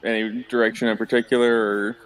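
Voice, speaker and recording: A male tabletop player bantering with the game master. His pitch stays fairly flat and steady while he jokes and slips into character. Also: a little fast, poor audio. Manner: playful, speaks partly in character. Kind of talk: tabletop role-play banter.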